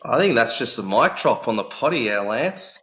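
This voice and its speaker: Male martial arts coach and co-host, mid-range voice, relaxed and chatty, heavy on fillers. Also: medium pitch, moderate pace. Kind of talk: casual podcast chat.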